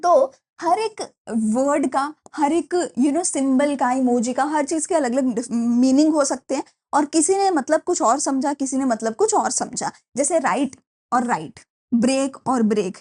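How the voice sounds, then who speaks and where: Young woman lecturing students, high bright voice, chatty and lively, drops english bits in. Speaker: teacher. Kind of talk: classroom lecture.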